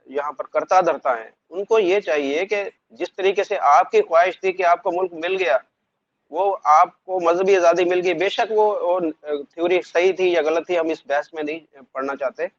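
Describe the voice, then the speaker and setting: A man talks earnestly in a slightly raised voice, often pausing with hesitations. The recording is dry and dull, with the highs muffled. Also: no echo. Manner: earnest, measured, frequent hesitations. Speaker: guest from Pakistan. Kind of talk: conversational discussion.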